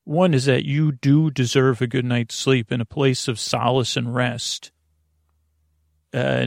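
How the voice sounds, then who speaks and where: With a medium-pitched, creaky voice, the host of a sleep podcast wanders earnestly through rambling bedtime talk, repeatedly correcting himself. It's recorded dry, at studio quality.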